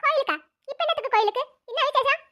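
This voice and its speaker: A woman voicing a stern, bossy old village grandmother in a cartoon, with a shrill scolding manner. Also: racing, sharp tone. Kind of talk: cartoon voice acting.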